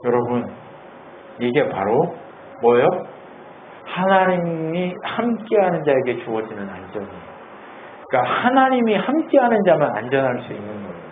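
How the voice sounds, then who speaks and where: A male pastor preaching a sermon in an animated, conversational way, asking the congregation lots of questions. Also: mid-range voice, normal speed. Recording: tinny phone-like sound, faint hiss.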